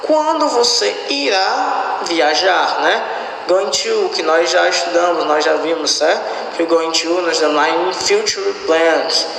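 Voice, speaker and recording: A high-voiced man explains the lesson slowly and keeps checking in with his students. His voice has a gravelly edge and rings out in an echoey room with a long reverb tail. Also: a bit bright. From Brazil. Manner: slow and explanatory, often checks in with the class. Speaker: English teacher. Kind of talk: recorded online lesson.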